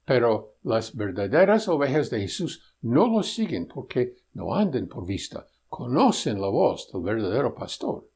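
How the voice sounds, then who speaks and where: Slow husky man giving religious commentary. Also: medium pitch, very animated, darkish tone. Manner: measured, pointed rebuttal with scripture citations. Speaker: Bible study commentator.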